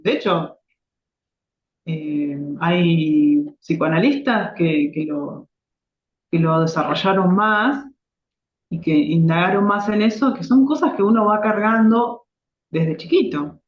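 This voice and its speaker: A middle-aged woman with a Rioplatense Spanish accent, a reflexology therapist calmly explaining her ideas as a podcast guest. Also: lowish voice, slow. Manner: reflective, explanatory, with frequent restarts. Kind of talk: conversational interview. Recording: echoey, dull lo-fi remote audio.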